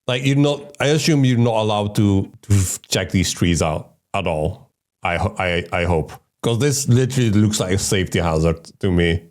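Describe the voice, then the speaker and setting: A man with a fairly low voice gives casual reactions as a streamer. He speaks hesitantly, often circling back to repeat a word as he works out his thought. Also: animated, darkish tone. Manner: hesitant, halting, repeats words. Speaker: VTuber streamer reacting to a video.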